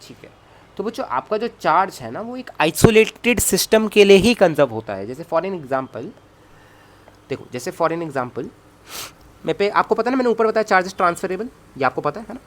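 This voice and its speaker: A man gives an online physics lecture at a whiteboard, coaxing students along with constant check questions. He makes jokey asides and talks to himself as he writes. His voice sits high and moves briskly, with big swings in pitch.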